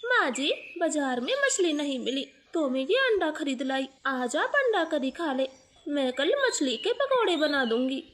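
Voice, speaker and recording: A woman's voice: sits high, very animated, a little slow, fairly bright tone, slight background noise, heavily acted. A woman voicing a poor female crow maid in a storybook cartoon, speaking deferentially and earnestly. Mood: humble.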